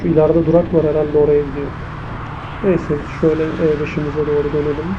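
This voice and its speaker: A man talks fast in a level tone, his pitch fairly high, as he rides a motorcycle and thinks aloud about the traffic in casual vlog style. Recorded through a microphone inside his helmet, he's muffled amid loud wind, engine and traffic noise.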